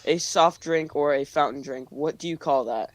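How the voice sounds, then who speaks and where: Defensive American man, high dry voice. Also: normal speed, no room sound. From United States. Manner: defensive, arguing his point. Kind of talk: casual chat.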